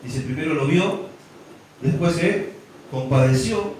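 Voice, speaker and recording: A man's voice: a little high, slow, darkish tone, a little hiss or hum. A man, preaching a sermon, asking rhetorical questions and building emphasis. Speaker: pastor. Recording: echoey hall from far off.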